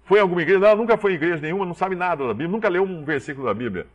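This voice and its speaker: Animated man preaching a sermon. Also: sits high, rapid-fire. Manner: animated, acts out quoted dialogue.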